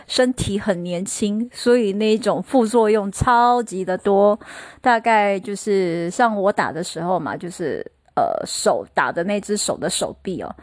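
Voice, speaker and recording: A middle-aged woman hosting a casual solo podcast, telling stories in a chatty, animated way. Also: mid-range voice, dry recording. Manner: chatty, animated storyteller who mimics others. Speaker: podcast host.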